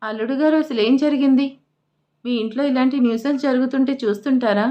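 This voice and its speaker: A woman voicing a sharp-tongued, bossy old grandmother who scolds coarsely in an audio story. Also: high-pitched, dull audio, lightly acted. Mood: scolding. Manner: scolding, coarse, quick retorts.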